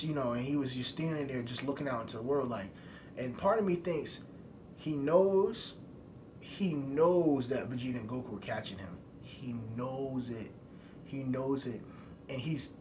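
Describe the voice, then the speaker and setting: A man's voice: medium pitch, noisy background. A man ranting about an episode in a casual, exasperated, rambling way as an anime reviewer. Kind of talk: casual video rant.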